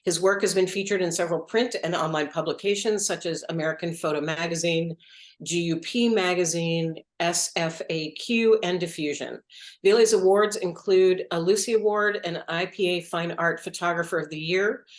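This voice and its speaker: A woman's voice: fairly low pitch, fairly even intonation, moderate pace, reverberant. A woman, a museum director, introducing an artist and thanking supporters. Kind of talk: introducing a speaker.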